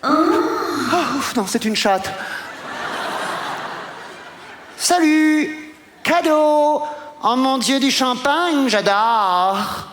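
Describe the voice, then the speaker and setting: Man putting on a shrill, gushing posh lady. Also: lively intonation, extremely slow, fairly bright tone, a little hiss or hum, exaggerated voice. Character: posh, flirtatious upper-class Parisian woman. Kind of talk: stand-up comedy. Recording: live stage audio with long reverb, audible audience ambience.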